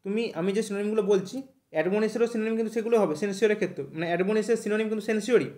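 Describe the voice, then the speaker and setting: Male tutor, quick high voice, keeps checking "thik ache?", roomy echo. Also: darkish tone. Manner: repeats "thik ache?" after nearly every point, spells words out slowly. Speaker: English teacher for exam preparation. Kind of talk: online vocabulary lesson.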